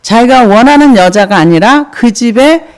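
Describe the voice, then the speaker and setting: Lively, smooth-voiced woman pastor preaching. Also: fairly high pitch, moderate pace. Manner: conversational, with rhetorical questions and frequent fillers. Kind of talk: sermon.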